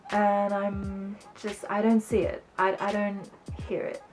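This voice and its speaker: Speaking slowly in a medium-pitched monotone, this woman rambles casually to camera as a beauty vlogger, adding self-conscious asides. Born in the UK and a teenager in South Africa, she has a mostly British accent with faint South African and American traces. Music plays in the background.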